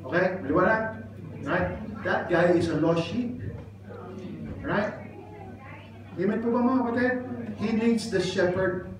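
A man from the Philippines preaching a sermon, switching between Tagalog and English. He keeps checking in with his listeners with "right?" and "amen?" and tells his stories in an animated way. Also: high voice, slow, pauses often. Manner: animated storytelling. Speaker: pastor. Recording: echoey hall, distant mic, noisy.

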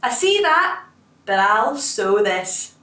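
A woman's voice: a little high, very animated, slow pace, sharp tone, heavily acted. Woman playing a plucky nervous tailor. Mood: defiant. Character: stubborn nervous male tailor, quick and plucky. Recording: roomy, distant mic.

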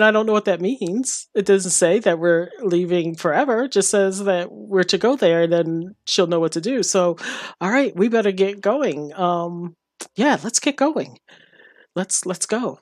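A woman's voice: medium pitch, animated, a little slow, dry recording, studio quality. A woman chatting through her gameplay, giggling and talking to her game character as she goes. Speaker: gamer. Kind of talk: casual gameplay commentary.

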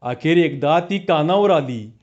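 A high-voiced man tells a comic village story with lively spoken delivery in rural dialect. The recording sounds dull and lo-fi, as if the top end has been cut off. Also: unhurried.

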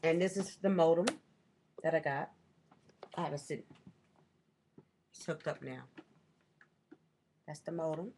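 A middle-aged woman with a low voice talks casually into a desk webcam at home. She rambles through her shopping haul, stopping to correct herself on prices. The talk is loose and chatty. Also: unhurried, long pauses, warm tone, slight background noise. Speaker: vlogger. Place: small room at home, indoors.

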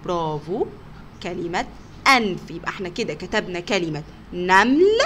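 A woman with an Egyptian Arabic accent teaching kindergarteners, sounding out words slowly and praising them often. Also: on the low side, expressive, fairly bright tone, a little hiss or hum. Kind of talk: recorded online lesson for young children.

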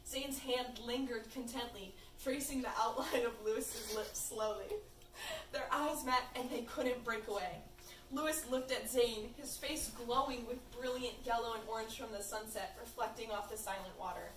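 A woman's voice: on the high side, moderate pace. A teenage girl reading fan fiction aloud in a playful way, hamming up the quoted lines. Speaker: fanfiction reader. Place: room at a birthday party. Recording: echoey room, far from the mic, faint noise.

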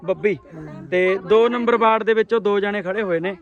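High-voiced man amid a loud crowd. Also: a little fast, dull audio. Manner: lively, repeats himself, calls out slogans. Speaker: village video reporter. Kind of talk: on-the-spot vlog report. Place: outdoor village gathering. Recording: loud crowd all around outdoors. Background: loud crowd chatter.

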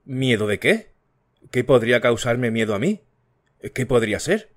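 A man's voice: very animated, normal speed. A man voicing a proud, frightened wife who snaps defensively, in an audiobook. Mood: haughty. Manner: nervous, then imperious and shrill. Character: haughty, frightened young wife.

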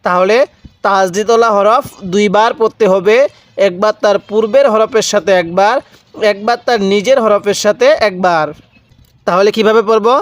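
A man teaches beginners to read the Quran, his high voice spelling out syllables one at a time. He repeats each sound patiently and checks in with questions. The recording is close and dry, with no room sound. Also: steady tone, moderate pace, no room sound. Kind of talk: spelling-out lesson for learners.

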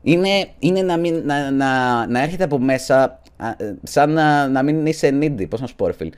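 A young man streaming a game live, ranting and swearing, shouting at teammates between rambling commentary. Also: mid-range voice, lively intonation, smooth. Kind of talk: excited live gameplay commentary.

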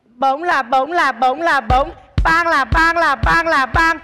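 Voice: high voice, slow, bright, forceful tone, long reverb tail, exaggerated voice. A performer playing a whiny, needling stepdaughter in a stage comedy sketch. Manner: whining, needling, wheedling. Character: whiny, sly teenage stepdaughter. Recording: live stage with music and audience.

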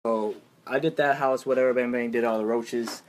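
A man's voice: mid-range voice, steady tone, normal speed, slight background noise. A young man telling everyday stories in a casual, exasperated rant, acting out other people's lines in a raised voice. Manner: exasperated, uses slang. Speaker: vlogger.

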